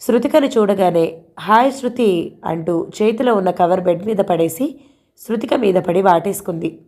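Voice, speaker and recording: A woman reads an audio novel aloud in a steady storytelling manner. Her voice sits at an ordinary middle pitch. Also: moderate pace. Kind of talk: scripted novel narration.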